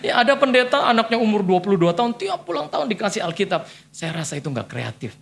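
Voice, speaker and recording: A man's voice: high voice, sing-song, fast talker, creaky. A male pastor preaching a humorous sermon, telling jokey stories and acting out the voices of the people he quotes. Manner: joking storyteller, acts out voices in quotes. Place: church.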